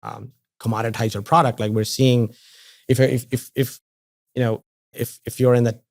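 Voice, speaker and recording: A man's voice: medium pitch, flat delivery, normal speed, creaky, darkish tone, no room sound, studio quality. A man from India in his forties, a guest talking casually in an interview, often restarting and repeating words. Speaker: venture investor, podcast guest.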